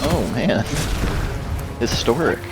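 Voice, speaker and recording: A man in a casual gaming chat, goofy and quick to laugh. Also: medium pitch, very animated. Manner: goofy, laughs a lot, silly voices. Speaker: gamer friend. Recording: music behind the chat.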